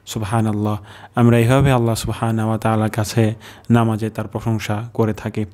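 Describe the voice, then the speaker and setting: A man teaching recitation with a Bangladeshi Bengali accent, who slows down to say each word carefully and repeats it several times. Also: fairly low pitch, little pitch movement, a little mellow. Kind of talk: recitation lesson.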